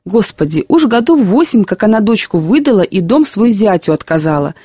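A woman voicing an incredulous old woman street vendor with a shrill, thin voice and amazed exclamations. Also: sing-song, fairly quick, warm tone, slightly rough, no room sound, studio quality.

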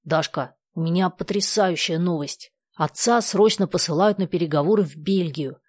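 A woman voicing an excited teenage boy who talks quickly and confidingly in a storybook reading. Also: fairly low pitch, lightly acted.

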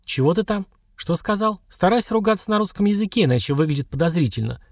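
A man's voice: sits high, expressive, quick pace, no room sound, clean studio sound, voice pushed up. A man voicing a stern old woman healer and witch who scolds brusquely. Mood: stern scolding.

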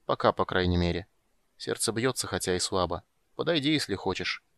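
A man reading aloud, voicing a curt, frail young mage in a low, even tone. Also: a little fast, creaky, no echo, full character voice. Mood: quiet.

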